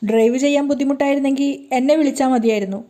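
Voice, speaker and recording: A jealous, nervous young husband, read by a woman storyteller, careful and pleading. His lines come a little higher than the reader's usual voice. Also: very fast, warm tone, lightly acted. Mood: timid. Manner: timid, pleading.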